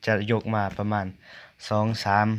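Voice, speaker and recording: A young man with a Lao accent giving a casual video lesson on English pronunciation, repeating each word slowly to show how it is said. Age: young adult.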